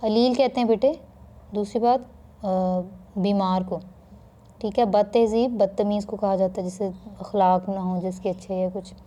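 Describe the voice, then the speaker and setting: Soft-toned woman teacher explaining a play. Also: medium pitch, fairly even intonation. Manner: explains patiently, then acts out the dialogue lines with raised voice. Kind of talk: reading a play aloud to students with explanations.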